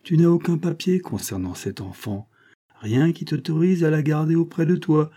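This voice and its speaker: A brutish showman who bullies and blusters, as a man reading the book puts him on. His husky, mellow voice sits a little above the reader's own, and he speaks in a threatening way. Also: on the high side, normal speed, pitched above the performer's own voice, lightly acted. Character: brutish male showman, menacing bully.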